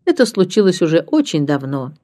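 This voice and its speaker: A gentle scholar speaks in a low, warm voice, soft and earnest. A woman reads him in a storybook reading, barely changing her own voice. The delivery stays hushed and sincere. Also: very animated, a little fast. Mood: wistful. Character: gentle male scholar, dreamy and grateful.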